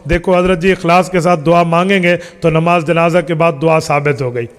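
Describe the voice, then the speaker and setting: High-voiced preacher in an echoing hall. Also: male voice, steady tone, normal speed. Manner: emphatic, rhetorical questions, lists points one by one. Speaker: Islamic scholar answering questions. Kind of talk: religious question-and-answer talk. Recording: long hall reverb.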